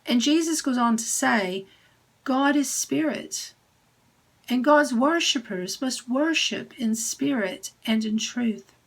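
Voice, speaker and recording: An English woman minister giving a gentle, deliberate recorded sermon message. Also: high-pitched, lively intonation, low-quality recording.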